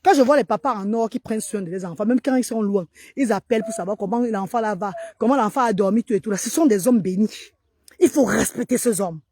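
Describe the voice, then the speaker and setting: A woman talks into her phone in a park, addressing other mothers directly and pressing her point with earnest urgency. Her voice is husky and a little breathy, pitched in a middle range, in the loose flow of a casual livestream. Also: fast talker, mellow, no room sound. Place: outdoors in a park.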